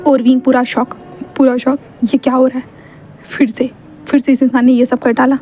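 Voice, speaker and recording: A woman's voice: high voice, level tone, moderate pace, dark tone, a little hiss or hum. A woman casually narrating a fan-fiction story, voicing all the characters herself in one chatty tone, with stumbles and fillers.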